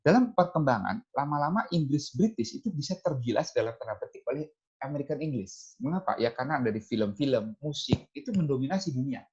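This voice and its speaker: A man's voice: medium pitch, a little mellow, dull audio. A man giving a lecture over slides, explaining point by point and dropping "ya" and "nah" between phrases. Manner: explains step by step, often adds "ya" and "nah".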